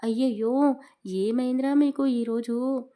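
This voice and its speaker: A woman's voice: a little high, fairly even intonation, takes it slowly, warm tone, pitched above the performer's own voice. A woman voicing an affectionate, scolding grandmother in her old age in an audio story. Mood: fussing. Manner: fussing, scolding.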